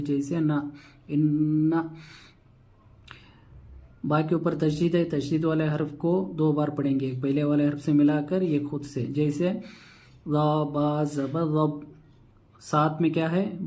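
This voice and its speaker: Man, Quran reading lesson, slow spelled-out syllables, flat delivery, mellow dark tone. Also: on the high side. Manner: spells syllables slowly, then explains rules briskly.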